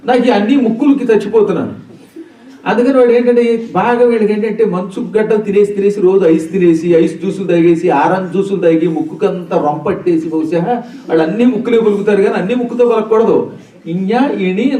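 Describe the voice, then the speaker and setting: A man's voice: high-pitched, fast talker, dark tone, reverberant, far from the mic. Older teacherly man giving a Telugu discourse. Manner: teacherly, demonstrates sounds, asks and answers his own questions. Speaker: religious discourse speaker.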